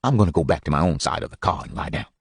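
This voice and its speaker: Man doing a grieving runaway father, low. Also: gravelly, slightly rough, no echo, heavily acted. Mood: hurried. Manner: broken grammar, halting, hushed.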